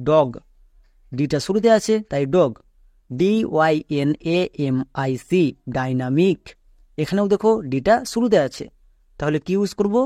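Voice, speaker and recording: Man, online pronunciation teacher, fairly high voice, dry close sound. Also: warm tone, dry recording. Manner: spells words letter by letter, asks and answers own questions. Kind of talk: spelling-out phonics lesson.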